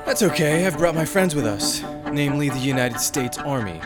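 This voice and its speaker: An actor playing a steady, determined father in an audio drama, a man facing down a villain. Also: on the high side, normal speed, loud music behind the voice, lightly acted.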